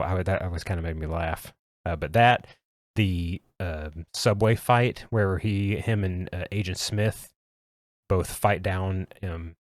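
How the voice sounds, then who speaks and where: A man's voice: low voice, dry recording, clean studio sound. A man hosting a casual podcast, talking in an easygoing, hesitant way with many fillers. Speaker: podcast host. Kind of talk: casual chat.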